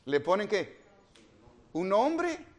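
A man preaching an interactive Bible study, quizzing the congregation and swinging from emphatic lines to hushed ones. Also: high voice, big pitch swings, takes it slowly. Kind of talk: interactive sermon.

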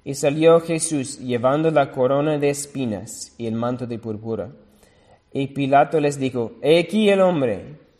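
Guy preaching, reads the bible slow and careful, mid pitch, long hall echo. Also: steady tone, dark tone. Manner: slow, deliberate reading with self-corrections. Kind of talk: sermon reading scripture aloud.

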